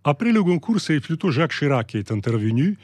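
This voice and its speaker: A middle-aged man from Russia with a Russian accent, talking in a measured, hesitant way with many pauses and restarts as an interview guest. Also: on the high side, sing-song, darkish tone, no room sound. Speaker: guest, novelist. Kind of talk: reflective interview talk.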